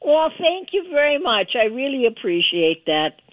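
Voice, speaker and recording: A woman's voice: sits high, big pitch swings, moderate pace, no echo. A woman calling in to a radio show over the phone, chatting casually with a hesitant, self-deprecating humor. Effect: heard over the phone. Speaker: caller. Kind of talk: casual call-in chat. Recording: muffled phone line, dry.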